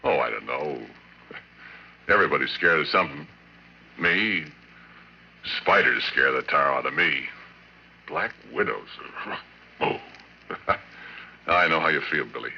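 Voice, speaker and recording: Very deep, folksy oil-rig roughneck. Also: male voice, lively intonation, a little slow, pauses often, heavily acted. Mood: sympathetic. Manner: colloquial, ungrammatical working-man speech with chuckles. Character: rough, folksy, easygoing oil-rig roughneck telling his eerie tale. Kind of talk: 1940s radio horror drama acting, first-person narration and dialogue. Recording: muffled, noisy vintage radio recording.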